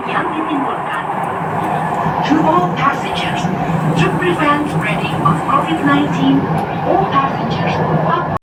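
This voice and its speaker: A woman giving a formal, polite passenger announcement over a train loudspeaker. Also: sits high, slow pace. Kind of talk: bilingual recorded passenger announcement. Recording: echoey far-off loudspeaker over loud train noise.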